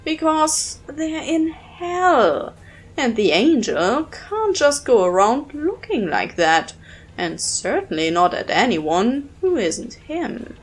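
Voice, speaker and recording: A woman narrating a fan audio drama in a measured, expressive storytelling manner. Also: high-pitched, husky, rough recording. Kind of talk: scripted narration.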